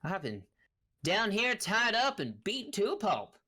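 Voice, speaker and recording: A woman voicing a gruff, talkative male half-orc rancher who rambles folksily and calls people honey. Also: medium pitch, wildly swooping pitch, measured pace, pushed and bright, voice pushed up, exaggerated voice. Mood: grateful chatty.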